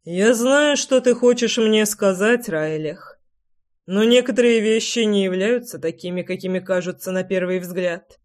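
A reader voicing Fieri, a calm and firm father who speaks in a measured way. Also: sits high.

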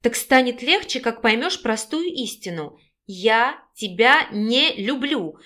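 A defiant young woman with a sharp, sarcastic tongue, read aloud by a woman in an audiobook. She snaps her words in a fairly high voice. Her scorn never lets up. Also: lively intonation, moderate pace. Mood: scornful. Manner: snapping, sarcastic. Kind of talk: audiobook character reading.

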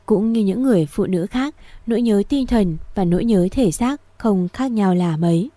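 A woman reading a first-person story aloud in a steady, gentle storytelling manner. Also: medium pitch, moderate pace, dry recording. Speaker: audiobook narrator.

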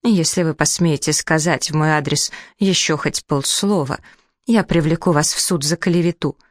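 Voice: normal speed, no room sound, studio quality, lightly acted. A reader voicing an indignant, plump middle-aged widow who makes theatrical complaints. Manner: shrill outrage, theatrical complaints.

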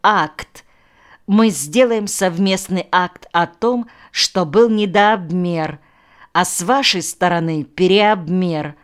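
A woman's voice: on the low side, slow, smooth. A woman reading the lines of a fussy, suspicious male village official who keeps pressing his point. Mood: officious. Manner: insistent, officious.

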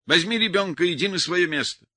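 A man's voice: high voice, brisk, sharp tone, pitched above the performer's own voice. A man voicing a persistent young man who coaxes and pleads in an audiobook. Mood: shouting.

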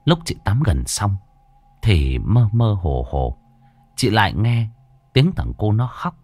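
A man narrating a ghost story in an expressive, animated storytelling manner. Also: takes it slowly, husky, dry recording. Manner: lively, expressive storytelling with big pitch swings.

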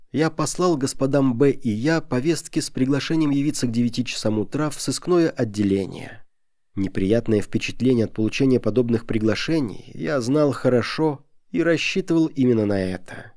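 A man narrating a detective's memoir as an audiobook, in a measured storytelling manner. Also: mid-range voice, mellow, no room sound, studio quality.

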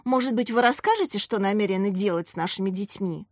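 A woman's voice: mid-range voice, quick pace, dry recording, clean studio sound, lightly acted. A woman reading the part of a pushy, lecturing female psychologist parent in an audiobook. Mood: demanding. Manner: lecturing, demanding, condescending.

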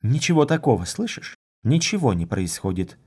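A man's voice: mid-range voice, big pitch swings, normal speed, dark tone, breathy edge. A man voicing a wary young female dancer who speaks in a guarded, terse way, in an audiobook.

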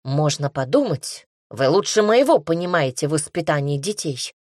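A woman's voice: sits low, big pitch swings, normal speed, darkish tone, no room sound, clean studio sound. A woman reading an arrogant fantasy lord. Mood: haughty. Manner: arrogant, curt. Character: haughty, stubborn widowed male lord, father.

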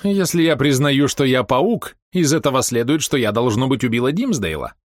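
A man's voice: medium pitch, sing-song, normal speed, no echo, studio quality, voice pushed up, natural voice. Man voicing a cold scornful villainess. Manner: contemptuous, taunting. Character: cold scornful female murderer.

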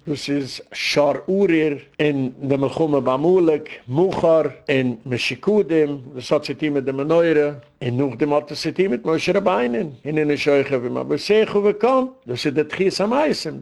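Gravelly preaching rabbi. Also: male voice, on the high side. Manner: preaching, rhetorical questions, sing-song emphasis. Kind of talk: Yiddish Torah sermon.

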